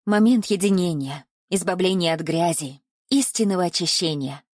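A woman narrating a dark thriller audiobook in a measured way, slowing down at times. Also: on the low side, dry recording, studio quality.

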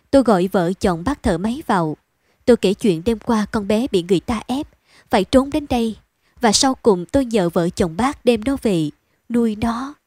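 A woman reading a bedtime story aloud in a calm, even storytelling manner. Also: mid-range voice, dry recording.

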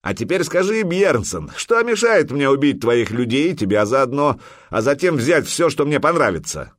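A man's voice: medium pitch, sing-song, normal speed, no echo, clean studio sound, voice pushed up. A man voicing a proud, hot-tempered Viking jarl who roars his commands. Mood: commanding. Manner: roaring, forceful commands.

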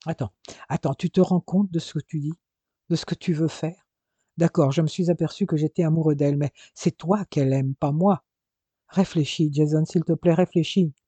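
A man's voice: on the high side, steady tone, normal speed, dark tone, slightly rough, dry recording. A man voicing an anxious, distraught young man pleading with his twin brother, in an audiobook. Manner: agitated, imploring.

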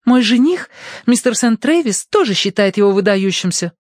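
A man's voice: lively intonation, moderate pace, no room sound, clean studio sound. A man voicing a haughty, imperious young rich lady who scolds and commands her servant. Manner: shrill, commanding, indignant.

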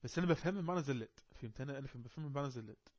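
A man with an Egyptian Arabic accent, teaching an online English lesson. He reads the English text slowly and explains it quickly in Arabic. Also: medium pitch, lively intonation.

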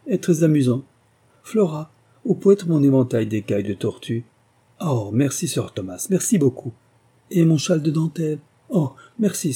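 A gushing old society marquise chatters in a lifted, fluttery voice, as a man reads her in a storybook. The tone is dark and a little husky underneath. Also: medium pitch, voice pushed up. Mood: fluttering. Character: fussy elderly society marquise.

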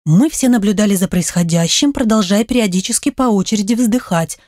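Woman reading an audiobook, medium pitch, close dry studio sound. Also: brisk, darkish tone, dry recording. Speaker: audiobook narrator. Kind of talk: scripted narration.

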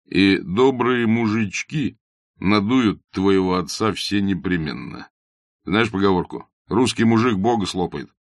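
A man's voice: deep voice, a little slow, no room sound, clean studio sound. A man voicing a blunt young doctor who is curt, ironic and matter-of-fact in an audiobook. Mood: wry. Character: blunt young male doctor, mocking and self-assured.

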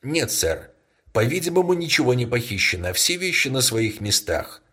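Guy reading as a polite police inspector, husky, just reporting the facts. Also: mid-range voice, sing-song, normal speed, fairly bright tone, pitched above the performer's own voice. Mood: formal. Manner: polite, matter-of-fact reporting. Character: dutiful male police inspector, formal.

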